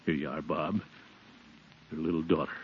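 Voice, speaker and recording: A big-hearted American uncle in a 1940s radio comedy. His low male voice is earnest and theatrical, on a muffled recording with faint noise. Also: fairly even intonation, moderate pace. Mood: earnest, moved. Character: big-hearted, sentimental middle-aged uncle, a household head. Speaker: lead actor in a radio comedy.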